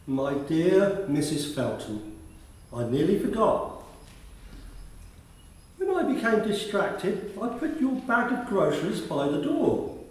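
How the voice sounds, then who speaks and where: In a radio play, a man performs the part of a polite, talkative male school attendance officer, using formal address throughout. His voice is fairly high for a man, a little mellow, and warm with kindly concern; the delivery is very animated and heavily acted, slow, with frequent pauses. He was recorded from a distance in a very echoey room.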